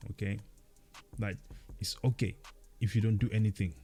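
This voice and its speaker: A man's voice: lowish voice, flat delivery, moderate pace, dark tone, soft background music. A man co-hosting a casual chat show, talking animatedly and preachily, often tagging his points with "man" and "okay". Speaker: podcast co-host.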